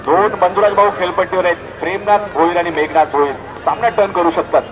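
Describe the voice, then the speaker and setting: A high-pitched, fast-speaking man with a steady tone and a Maharashtrian accent handles live commentary and announcements at a local cricket tournament outdoors. He calls the play emphatically and repeats the score often. The recording is noisy, dominated by a loud crowd.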